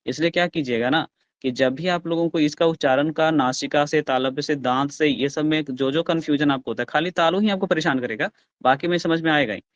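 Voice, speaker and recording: Hindi grammar teacher sounding out letters. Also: male voice, on the high side, no echo, muffled recording. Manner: explains step by step, asks the class questions and answers them himself; sounds out letters slowly and loudly. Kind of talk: online class lecture.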